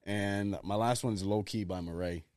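Lower-voiced man, excitable podcast chat. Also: normal speed, no echo, studio quality. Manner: animated, swearing, easily excited. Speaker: podcast co-host. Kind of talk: casual chat.

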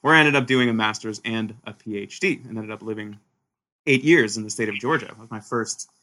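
A bright, forward-sounding male voice from Sweden, talking through his academic path as an interview guest. He speaks in lively bursts, restarts his sentences often, and checks in with a "right?" at the end of his points. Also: lowish voice, brisk. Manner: animated, frequent restarts and "right?" tags. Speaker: historian, author guest. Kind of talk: conversational interview answers.

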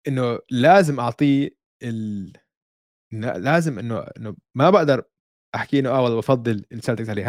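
In a dry, clean studio recording, a medium-pitched man with a Levantine Arabic accent co-hosts a sports talk show and talks basketball casually. He makes his points emphatically, slipping in English words and slang.

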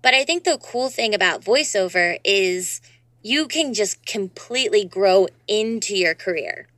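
A young woman in her twenties, a dancer and voice actor, chats as an interview guest in a youthful, upbeat way, talking freely and saying "you know" a lot. Her medium-pitched, slightly bright voice has lively intonation and an unhurried pace, in a dry recording.

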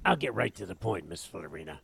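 An actor playing a dogged police detective who interrogates a suspect in an audio drama. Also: male voice, deep voice, sing-song, a little fast, gravelly, very noisy, heavily acted. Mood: interrogating. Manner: confrontational, interrogating.

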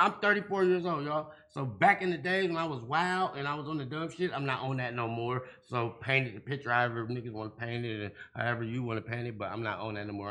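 A man in his thirties in a loud casual group chat, laughing often and telling boastful stories. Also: medium pitch. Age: 30s. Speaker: podcast co-host.

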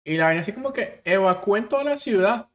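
A man with a Venezuelan accent, co-hosting a podcast in relaxed, slangy casual chat. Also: quick pace, a little hiss or hum. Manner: relaxed, slangy, drops to low voice in anecdotes. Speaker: podcast co-host.

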